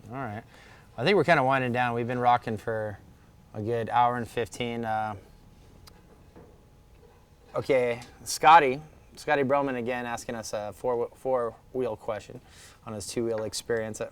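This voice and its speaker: A man's voice: mid-range voice, fairly even intonation, normal speed, clear, resonant tone. A man hosting a live show, reading viewer questions and teasing his guest in a casual way. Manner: joking, teasing.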